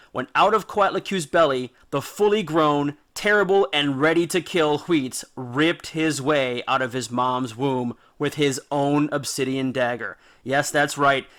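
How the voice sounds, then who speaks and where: A man with a slightly high, somewhat bright voice hosts and narrates a mythology video series. His scripted but informal narration tells the stories dramatically, packed with jokes, slang, and punchy emphasis.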